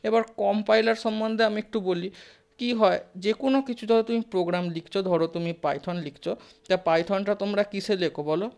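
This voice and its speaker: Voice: medium pitch, steady tone, fast, vocal fry, darkish tone, smooth. A teacher giving a live class lecture, talking conversationally, often checking in with listeners, asking the class questions and mixing in English terms. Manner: sprinkles English terms into the talk.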